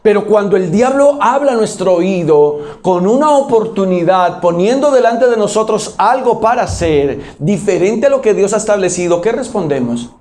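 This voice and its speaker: A male pastor delivers a sermon to a congregation. His voice sits notably high for a man, and he presses each point hard. He keeps asking the room rhetorical questions. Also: lively intonation, moderate pace, hardly any pauses, darkish tone. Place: church auditorium.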